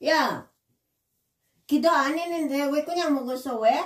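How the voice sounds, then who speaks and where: A woman talks to her pet in a somewhat high voice, scolding it and repeating short commands over and over. She speaks very slowly. She is heard from across an echoey room, well away from the mic. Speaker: pet owner vlogger. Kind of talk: talking to a pet. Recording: roomy, from a distance.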